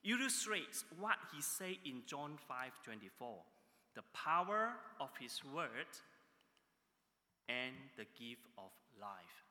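A man preaching a sermon, emphatic, pushing his pitch and volume up on key phrases. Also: very animated, slow pace, bright, forceful tone, in a large hall.

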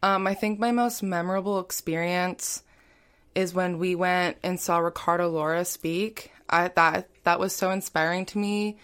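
A woman's voice: fairly low pitch, fairly even intonation, moderate pace, fairly bright tone, smooth. A young adult woman, a college student, talking casually as a podcast guest and filling her speech with "like" and "you know". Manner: chatty, heavy on "like" and "you know". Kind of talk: casual interview talk.

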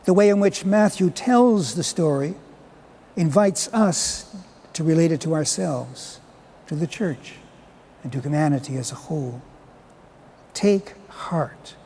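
A man, a priest, reading scripture and preaching in a measured, solemn way in an echoing cathedral-like church. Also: a little high, a little mellow, husky. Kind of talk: gospel reading and homily. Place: large reverberant church. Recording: long cathedral echo.

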